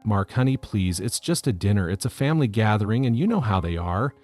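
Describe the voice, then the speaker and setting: A man narrating the lines of a gentle, hesitant mother trying to keep the peace. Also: lowish voice, sing-song, fairly quick, faint music behind. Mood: pleading. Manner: pleading, hesitant.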